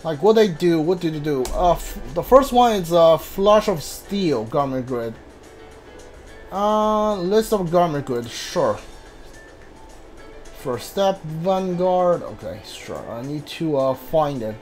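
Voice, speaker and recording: A video game player offers casual, hesitant commentary on a playthrough, muttering and thinking aloud in a halting way. The voice is mid-range, animated and darkish, with faint music in the background.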